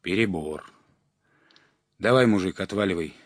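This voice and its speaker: Casting: man playing a brash rowdy camper, loud and coarse, dry sound. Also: low voice, unhurried, no room sound. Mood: dismissive. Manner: loud goading shouts. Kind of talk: audiobook character reading.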